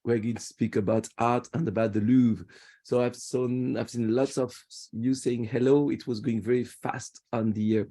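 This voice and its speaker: A man's voice: mid-range voice, fairly even intonation, normal speed, warm tone. Parisian-accented man guiding a virtual tour. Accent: Parisian French. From France. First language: French. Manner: friendly, chatty, restarts phrases. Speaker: tour guide. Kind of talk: virtual museum tour talk. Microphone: video call.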